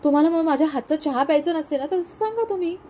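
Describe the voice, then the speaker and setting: A caring young husband speaks gently, with a playful, teasing edge, as a woman storyteller voices him. The tone is soft and mellow and sits fairly high. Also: quick pace, a little hiss or hum, natural voice. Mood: gentle.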